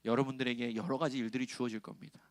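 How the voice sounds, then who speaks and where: A man's voice: mid-range voice, flat delivery, very fast, no echo. A middle-aged man preaching to young adults, conversational, often questioning the congregation and acting out quoted lines. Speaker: pastor.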